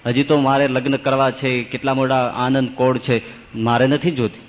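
A man's voice: mid-range voice, level tone, moderate pace, close to an everyday voice. Selfish young prince, dismissive, voiced by a male preacher. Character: self-centered young prince refusing his father.

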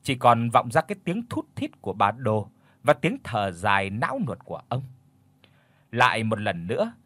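A man reading a horror story aloud as an audiobook narrator, dramatic, with tense pauses. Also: mid-range voice, a bit bright, no room sound.

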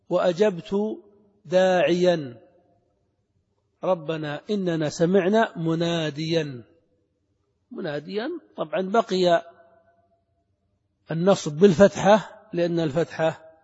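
A man's voice: sits high, a little mellow, husky. A man teaching a grammar class, asking his students questions and repeating the key words. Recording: lo-fi recording with long hall echo.

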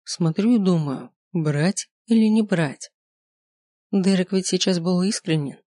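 A reader narrating a first-person novel in an even, plain reading manner. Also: medium pitch, a little slow, no room sound, studio quality. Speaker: audiobook reader.

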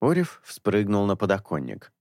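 A man narrating an audiobook in a measured, expressive storytelling manner. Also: lowish voice, no echo, studio quality.

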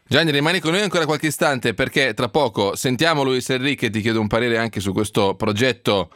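A man's voice: medium pitch, a little fast, a bit bright, no echo, clean studio sound. A man hosting a sports radio programme, presenting news and putting questions to a guest.

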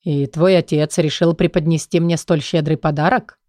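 A woman voicing a cold, jealous, sarcastic young royal husband in an audiobook, in a low mocking tone. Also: moderate pace, mellow, no room sound, clean studio sound, close to an everyday voice. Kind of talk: audiobook character voice.

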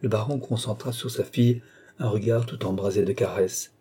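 A man reads a classic novel aloud in measured, formal narration. His voice is low and dark, with a husky grain. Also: fairly even intonation. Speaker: audiobook narrator. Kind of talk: scripted literary narration.

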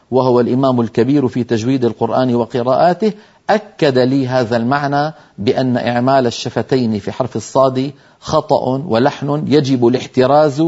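A man's voice: mid-range voice, warm tone, breathy edge. Older male recitation teacher, lo-fi. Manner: patient, emphatic explaining, voicing letter sounds. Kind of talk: televised recitation lesson.

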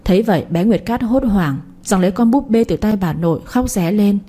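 A woman narrating a story in an even, gentle reading voice. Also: mid-range voice, brisk, slightly rough.

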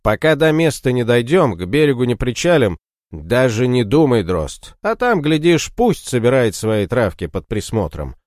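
A man's voice: mid-range voice, sing-song, moderate pace, dry recording, studio quality, voice pushed up, lightly acted. A man doing a hot-tempered dim warrior. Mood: angry. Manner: shouting, bossy.

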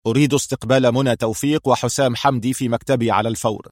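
A man voicing a sharp, commanding male intelligence chief in an audiobook. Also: mid-range voice, steady tone, racing, no room sound, studio quality, close to an everyday voice.

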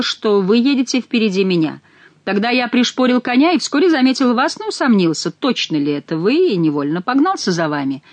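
A woman reading an audiobook and voicing a bold, cheerful young nobleman who talks loudly and teasingly. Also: fairly high pitch, no room sound, voice pushed up. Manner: loud, hearty, teasing.

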